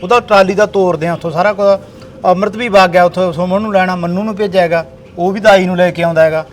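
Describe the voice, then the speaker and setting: Bossy village son, played by a man, high voice, rapid talk. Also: fairly even intonation, a little hiss or hum, lightly acted. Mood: persuading. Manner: scolding, bossy. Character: grown village son organizing flood relief. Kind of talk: village short film acting.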